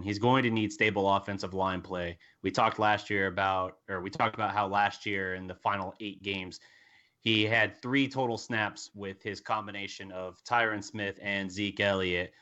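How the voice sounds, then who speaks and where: A man's voice: on the low side, steady tone, normal speed, bright, forceful tone. A man hosting a casual sports livestream in an upbeat way, reading out chat names and steering the topics. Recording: dull lo-fi sound.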